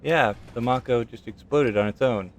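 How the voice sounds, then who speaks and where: A man's voice: medium pitch, moderate pace. A man doing casual gameplay commentary in a rambling, jokey and crude way. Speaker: gaming video creator. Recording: noticeable background noise.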